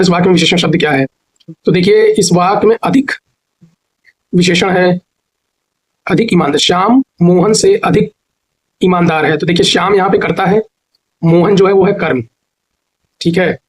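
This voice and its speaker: A man teaching an exam-prep grammar lesson, explaining step by step and repeating words slowly to spell them out. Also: sits high, slightly rough, rough recording.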